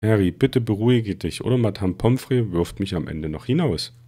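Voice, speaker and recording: A man voicing a kindly, calm, very old headmaster wizard with a soothing, gentle manner, in a raised voice. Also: on the low side, moderate pace, breathy edge.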